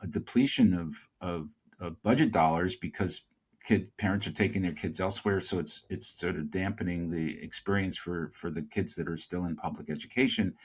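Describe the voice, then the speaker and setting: A man hosting a podcast interview, asking long, halting questions with many fillers. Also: deep voice, breathy edge. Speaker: podcast host.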